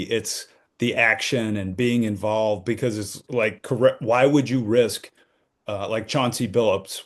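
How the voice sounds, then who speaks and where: A middle-aged man co-hosting a casual podcast, calmly moving through the topics. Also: fairly low pitch. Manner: relaxed, runs the topic list. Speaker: podcast co-host. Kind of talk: casual chat.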